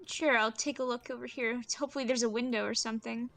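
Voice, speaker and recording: A woman's voice: on the high side, fairly even intonation, fast, creaky, a bit bright, faint music behind. A woman playing a tabletop game, talking hesitantly with many fillers. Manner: hesitant, many ums and likes. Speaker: player. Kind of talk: casual game chat.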